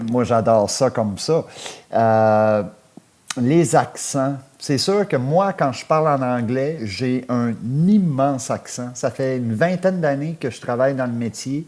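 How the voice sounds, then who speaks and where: A man hosting a comic call-in radio show, rambling and halting. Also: medium pitch, warm tone. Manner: rambling, halting, full of hesitations. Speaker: radio host.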